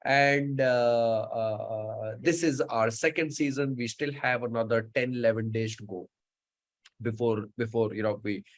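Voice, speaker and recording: A man's voice: mid-range voice, steady tone, unhurried, rough recording. A man from Mumbai with an Indian English accent, hosting a live online show in casual chat, full of fillers and words said three times over. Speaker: host.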